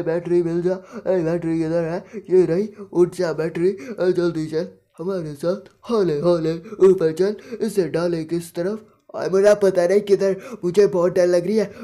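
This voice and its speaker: A man giving excited gameplay commentary as a gaming YouTuber, hurried and urging, repeating words over and over. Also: sits high.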